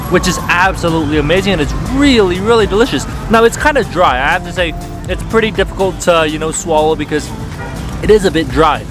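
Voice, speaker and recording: Guy doing a food vlog, kinda high voice, totally rapturous about what he's tasting, music playing behind him. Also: rough recording. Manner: emphatic, repeats intensifiers. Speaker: food travel vlogger. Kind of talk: casual food review to camera. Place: busy market and eateries.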